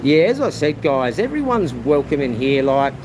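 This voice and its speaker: Amid loud traffic and passing motorbikes on a busy rural roadside, a man walks and live-streams, talking casually and rambling to viewers he calls "guys." His voice is loud and projecting, mid-range with big pitch swings, and moves at a moderate pace.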